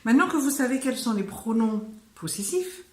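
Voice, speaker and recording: A woman teaching phrases in French in a casual online lesson, speaking slowly with many hesitations and fillers. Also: fairly high pitch, animated, a little mellow, echoey room. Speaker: Malagasy language teacher.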